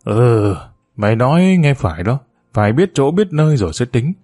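A man's voice: mid-range voice, very animated, moderate pace, mellow. A man reading as a bitter, tearful betrayed mother. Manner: tearful, resentful scolding. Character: grieving jealous middle-aged mother, bitter.

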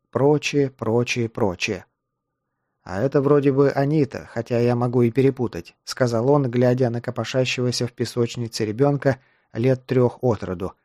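A man reading an audiobook aloud in an even, measured manner, voicing the characters' lines himself. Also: medium pitch, no room sound, clean studio sound. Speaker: audiobook narrator. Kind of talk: scripted narration.

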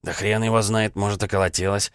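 A man voicing a rough, hard-drinking village patient in an audiobook, grumbling and evasive. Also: lowish voice, fairly even intonation, fast talker, no echo, studio quality, close to an everyday voice.

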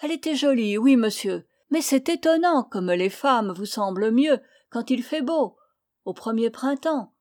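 A woman with a fairly high voice reads a classic short story aloud. Her delivery is theatrical, dropping to near whispers and rising to bold exclamations as she voices the characters. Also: lively intonation, unhurried. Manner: theatrical, swings between hushed whispers and loud exclamations. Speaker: reader. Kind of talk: expressive literary reading.

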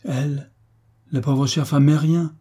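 A man's voice: on the high side, fairly even intonation, measured pace, warm tone, husky, pitched above the performer's own voice. A man reading the part of a sweetly scheming pious woman, speaking in an unctuous, sighing way. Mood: sanctimonious.

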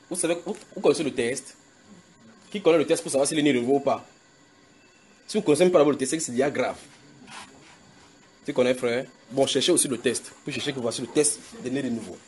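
A man preaching a sermon at a house church, slowly repeating scripture and checking in with the congregation. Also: medium pitch, a little mellow, a little hiss or hum. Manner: emphatic, repeats scripture slowly with call-and-response tags to the congregation. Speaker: pastor.

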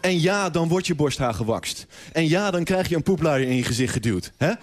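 A man's voice: fairly high pitch, animated, a little fast. A man playing a self-important male TV producer in a radio comedy sketch, talking in a pompous, preachy way. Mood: lecturing.

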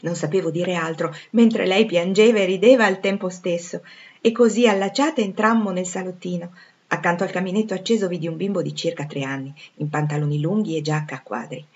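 Low, husky woman reading a novel. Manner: measured, even reading. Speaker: audiobook reader. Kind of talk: literary audiobook narration. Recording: dull lo-fi recording.

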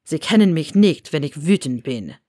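A woman's voice: animated, normal speed, dark tone, no room sound, studio quality. Severus Snape, cold hissing professor voiced by a woman. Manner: low, clipped, hissing delivery. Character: stern, cold sneering male professor.

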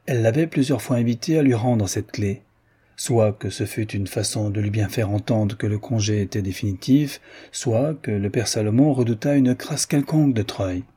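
A man's voice: on the low side, normal speed, warm tone, slightly rough. A man reading the part of a jovial aristocratic Parisian count who banters and tells gossip. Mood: animated.

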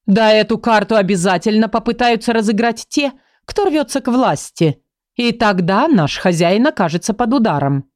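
A woman's voice: medium pitch, animated, moderate pace, darkish tone, no room sound, studio quality, lightly acted. A woman voicing a sarcastic, scoffing female chronicle book. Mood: mocking.

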